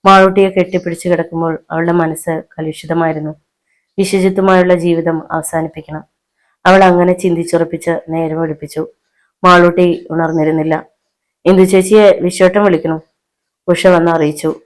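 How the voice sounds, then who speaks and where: A woman's voice: lowish voice, level tone, moderate pace, poor audio. Woman narrating a family thriller novel. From Kerala, India. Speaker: audiobook narrator.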